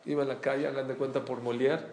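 A man giving an animated, storytelling Torah lesson as a rabbi, often asking his listeners questions. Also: medium pitch, quick pace, a little hiss or hum. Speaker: rabbi teaching a Torah class.

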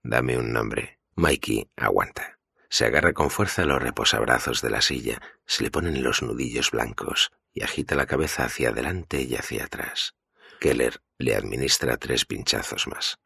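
A man narrates a thriller audiobook in a steady, grave voice. His tone is extremely deep, heavily gravelly and husky, with a bright, sharp edge. The studio sound is dry and close. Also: moderate pace, no echo.

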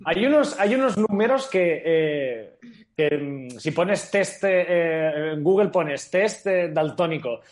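A man's voice: fairly high pitch, lively intonation, slow pace. A man joining a podcast as a guest, chatting casually with many hesitations. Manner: hesitant, lots of fillers. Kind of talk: casual chat.

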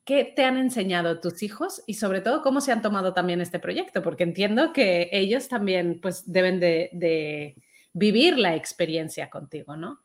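A woman's voice: on the low side, lively intonation, moderate pace. A woman interviewing a guest, asking questions attentively and prompting with short sounds of agreement.

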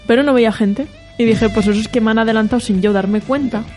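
A woman's voice: fairly high pitch, quick pace, darkish tone, soft background music. A woman co-hosting a radio show, telling a story in a chatty way and laughing often. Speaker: radio co-host. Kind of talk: casual radio chat.

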